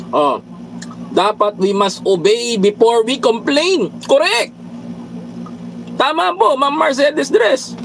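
A Filipino man with a high-pitched voice hosts a casual political commentary livestream, reading viewer comments aloud. He lectures his audience as brothers and countrymen, slipping English phrases in among his words. Faint vehicle noise hums behind him. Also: a bit bright, rough recording. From Philippines. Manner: preachy, repeatedly addresses viewers as brothers and countrymen.

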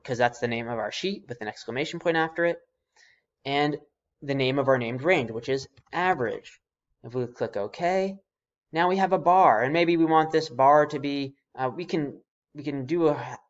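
Male tutorial instructor, mid pitch, casual step-by-step delivery, dictating formulas piece by piece, slightly muffled lo-fi recording. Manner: spells out formulas symbol by symbol as if dictating. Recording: slightly dull, lo-fi voice-over.

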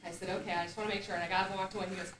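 A woman's voice: medium pitch, level tone, rapid-fire. A woman hosting a party and giving a rambling, chatty toast, recorded on an old VHS home-video tape. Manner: rambling, chatty storytelling with restarts. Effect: old VHS home-video tape sound. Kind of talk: casual party talk and toast. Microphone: camcorder microphone. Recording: old VHS camcorder, echoey room, far off mic. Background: loud party crowd.

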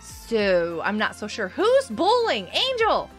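Her voice sits fairly high and swings hugely in pitch, and she talks slowly, with soft music underneath. A middle-aged woman who hosts livestreams and homeschools, she plays a game on a headset mic, laughing, chatting, and greeting viewers by name.

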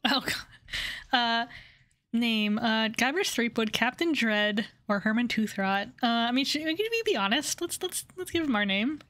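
High, animated woman streaming a game. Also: moderate pace, no room sound. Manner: giggly, playful reactions. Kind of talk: casual livestream game commentary.

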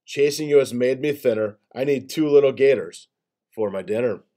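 Storybook villain: a man doing a raspy, bullying male boar, mellow low voice, sing-song threats. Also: moderate pace, lightly acted. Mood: menacing. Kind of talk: storybook reading.

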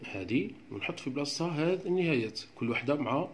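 A man's voice: a little high, expressive, fast talker, a little hiss or hum. A man with an Algerian Arabic accent, teaching a French grammar lesson step by step in a patient way. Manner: patient, step-by-step explaining, often checks with "d'accord".

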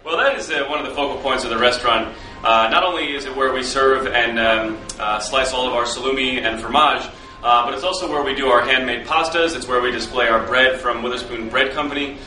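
A man in his thirties, a restaurant chef, giving a walkthrough interview with frequent uh pauses. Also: mid-range voice, sharp tone. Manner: hesitant, many filler uhs. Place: restaurant wine cellar and dining rooms, indoors. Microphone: camera mic, handheld camera close by. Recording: echoey room, noisy background hum.

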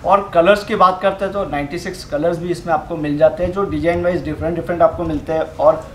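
A young man with a voice pitched slightly high explains saree fabrics and work. He talks in a steady sales pitch, pausing on fillers. The sound carries the echo of a shop room over a faint hum of background noise. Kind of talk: product demonstration. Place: fabric showroom, indoors.

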